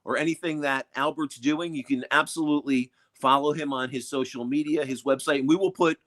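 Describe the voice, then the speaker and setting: A man's voice: fairly high pitch, steady tone, fairly quick, fairly bright tone. A man co-hosting a podcast, upbeat as he asks questions and thanks his guest. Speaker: podcast co-host. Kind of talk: casual interview.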